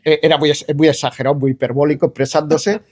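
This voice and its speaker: Hesitant, thoughtful man with a mellow voice. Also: on the high side, level tone, quick pace. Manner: hesitant, thoughtful, many fillers and restarts. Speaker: author presenting his book. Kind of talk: conversational book presentation talk.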